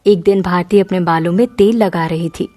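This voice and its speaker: A woman narrating a moral cartoon story in an even storytelling manner. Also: lowish voice, normal speed.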